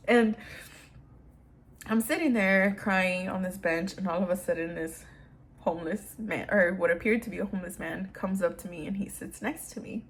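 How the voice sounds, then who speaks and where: A woman's voice: medium pitch, breathy edge. A young woman telling a personal story casually, emotional and laughing through tears, with a lot of "like". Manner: casual, many fillers like "like".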